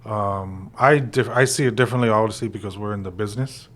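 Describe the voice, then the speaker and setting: Here the forties-aged American co-host of a real estate chat show talks fast in a fairly low voice. His manner stays relaxed and meandering, thick with fillers.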